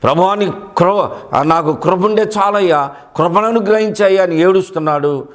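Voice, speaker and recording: An instructive pastor explains a point to a church elder, played by a male preacher. The voice is fairly high and talks in a patient, teaching tone. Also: moderate pace, close to an everyday voice.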